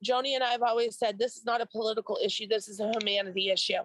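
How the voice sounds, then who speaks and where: A woman guest in a conversation, talking fast and insistently and repeating words as she presses her point. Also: medium pitch, level tone, a little hiss or hum, rough recording. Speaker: interview guest. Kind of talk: casual conversation.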